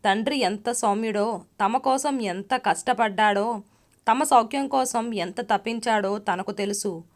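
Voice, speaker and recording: A woman's voice: mid-range voice, unhurried. Woman storyteller reading a story aloud. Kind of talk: read-aloud story narration.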